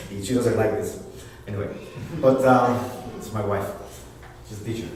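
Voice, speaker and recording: Slow and a bit mellow, his voice on the low side, a pastor from Honduras preaches in a church sanctuary with a Honduran accent. He moves between Spanish and English, repeating words as he looks for them, and the recording is distant and echoey like a church hall.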